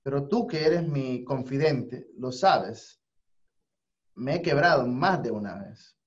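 Taking his time, a medium-pitched radio host gives a casual spiritual talk about faith and support, sounding earnest and much like a preacher. The recording is dull and lo-fi.

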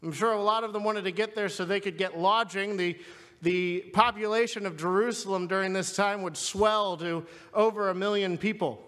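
Man, preacher, sermon, earnest storytelling, high voice, long chapel reverb. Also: fairly even intonation, moderate pace, fairly bright tone. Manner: storytelling, earnest retelling of scripture. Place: seminary chapel.

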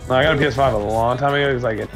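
A man's voice: medium pitch, steady tone, very fast. A man chatting casually during a video game as a teammate, slangy and blunt, with swearing. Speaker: streamer's gaming teammate. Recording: music playing behind. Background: music.

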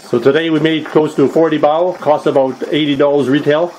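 A man hosting a casual food vlog and cooking demo, speaking easygoing and pausing often with "uh" as he explains. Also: a little high, fairly even intonation, darkish tone, a little hiss or hum. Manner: easygoing, frequent "uh" pauses while explaining. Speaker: food vlogger.

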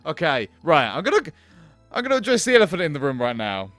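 A man's voice: on the high side, wildly swooping pitch, quick pace, a bit bright, no echo, faint music behind. A man hosting a gaming channel, reading a visual novel aloud with sarcastic, casually sweary comments.

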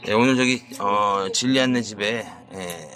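A Korean man filming a casual vlog during a home visit in a village, chatting easily and filling pauses as he prompts questions. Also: fairly low pitch, over music. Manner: easygoing, with many fillers and prompting questions. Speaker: vlogger. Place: a small house in a village.

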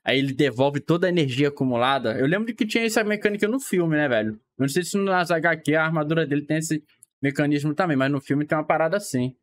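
A man's voice: on the high side, fast, a little hiss or hum. A young man with a Brazilian accent making chatty, slangy, casual reaction commentary on a stream. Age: young adult.

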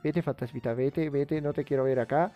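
A man streaming a game live, talking casually, rambling excitably and swearing often. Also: on the high side, moderate pace, lo-fi sound, soft background music.

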